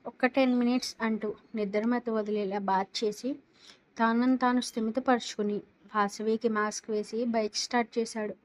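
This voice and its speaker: Lady reading a love story out loud, steady n dramatic, slightly high voice. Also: normal speed, low-quality recording. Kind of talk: romance story narration.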